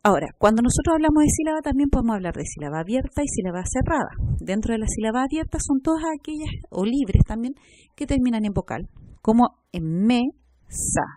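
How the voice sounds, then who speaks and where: A woman giving a recorded lecture, explaining step by step, sounding out example words slowly and checking with short tag questions. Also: a little high, expressive, mellow. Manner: spells out syllables slowly. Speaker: teacher.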